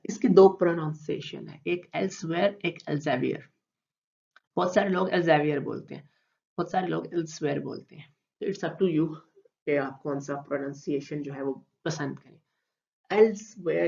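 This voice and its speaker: A man with a Pakistani Urdu accent giving a recorded online lecture, explaining slowly with repeated terms and many fillers. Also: a little high, creaky. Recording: dull lo-fi recording.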